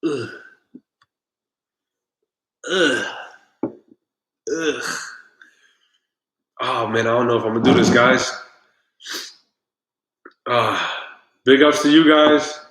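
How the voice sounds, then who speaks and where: Casual male streamer, mid pitch, relaxed chat in a roomy space. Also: unhurried, pauses often. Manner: laid-back, talks straight to viewers, groans at the drink. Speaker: live stream host.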